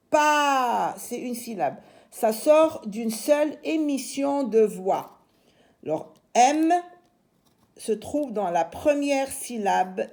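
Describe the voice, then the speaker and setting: A woman teaching young children a reading lesson from home, sounding out syllables slowly and reassuring them patiently. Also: fairly high pitch, dark tone. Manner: slow, clearly segmenting syllables. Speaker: primary school teacher.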